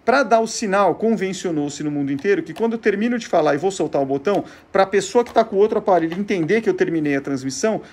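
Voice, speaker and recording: This high-pitched Brazilian Portuguese-accented man speaks quickly with lively intonation, few pauses and a slightly mellow tone. He presents a vintage gadget show as an informal explainer, often asking himself things and then supplying the answers.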